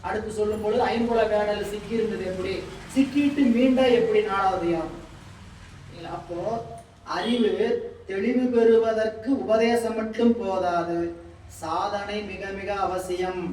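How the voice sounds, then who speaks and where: High-voiced male spiritual teacher, patient and repetitive; distant mic in a very echoey room, faint hiss. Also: darkish tone. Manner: slow, repetitive explaining with everyday examples. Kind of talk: devotional scripture commentary.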